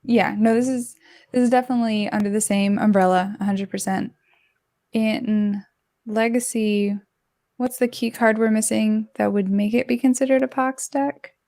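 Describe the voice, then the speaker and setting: A woman's voice: a little high, fairly even intonation, moderate pace, dark tone. A woman co-hosting live commentary on a card game match, giving thoughtful, analytical takes and hedging as she talks through them. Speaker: co-host and commentator.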